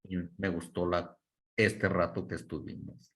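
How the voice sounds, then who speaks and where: A man's voice: sits low, little pitch movement, unhurried. Man teaching English by video call. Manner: coaching, mixes Spanish and English, models intonation. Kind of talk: online class feedback.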